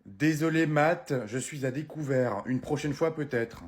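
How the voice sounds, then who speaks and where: A man voicing a gullible, excitable middle-aged mother in a comedy sketch, talking in a gushing, shrill way. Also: measured pace, close to an everyday voice. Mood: pleading.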